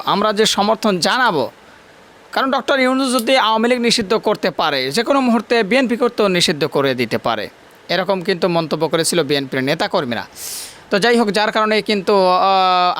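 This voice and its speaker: A man hosts a casual news commentary video, his voice pitched fairly high and ringing clear. He talks in a colloquial, joking style, dragging his words out. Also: a bit bright. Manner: colloquial, joking, slow and drawn out.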